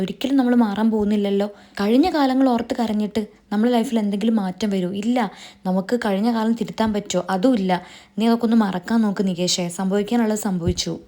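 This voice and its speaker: A steady older brother urges his crying sibling to let the past go, read by a woman. He speaks firmly, leaning on questions, in a warm, mellow tone. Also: mid-range voice, lightly acted. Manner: firm, urging, asks questions to comfort. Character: man, firm consoling older brother.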